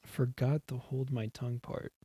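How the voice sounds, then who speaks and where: Leaning close to a desk microphone, a young Houston man co-hosts a podcast in casual, meandering chat full of laughter and loose swearing. His voice is mid-range and mellow with a breathy edge, his tone level and speed normal, and there's no echo.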